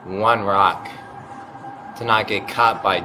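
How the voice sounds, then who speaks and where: A drunk man rambling and yelling belligerently in slangy, profane taunts, constantly saying "bro". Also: lowish voice, steady tone, slow pace. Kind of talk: confrontational street talk, profane taunting. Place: public library property. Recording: roomy, noisy on-the-scene recording.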